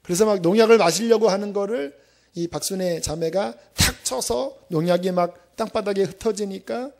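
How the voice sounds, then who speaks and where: A man's voice: high voice, normal speed, gravelly, a little mellow. A man preaching, retelling a story with emotion and acting out the prayers and quotes of the people in it. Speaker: pastor. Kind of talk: sermon storytelling.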